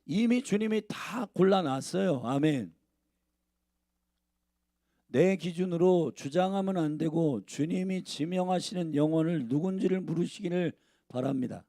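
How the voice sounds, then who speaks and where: A male pastor delivers a sermon, speaking emphatically and turning to the congregation again and again. His voice sits a little high, with a gravelly edge and a dark, mellow tone. The sound is dry and close. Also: a little slow, dry recording. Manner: emphatic, addresses the congregation directly.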